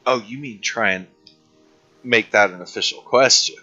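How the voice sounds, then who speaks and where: A man's voice: on the low side, moderate pace, bright, forceful tone. A man running a tabletop game as game master, teasing his players, laughing often and insisting they word their questions exactly. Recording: dull lo-fi stream audio with faint music.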